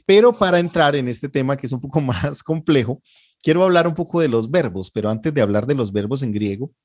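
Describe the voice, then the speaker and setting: A man leads an online Koine Greek lesson, his voice sitting at an ordinary pitch. He talks patiently and methodically, repeating words so students can follow and echo them. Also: a little mellow. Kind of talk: online class, drilling pronunciation and explaining grammar.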